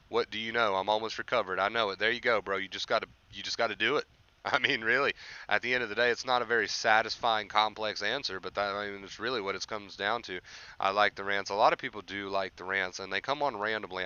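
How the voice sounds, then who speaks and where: The recording is muffled: a young man, an anxiety recovery coach, delivers an emphatic, informal motivational rant to his livestream chat, repeating points and tossing in "right?" often. His voice is lowish, smooth yet sharp-toned, and a bit tired from overuse.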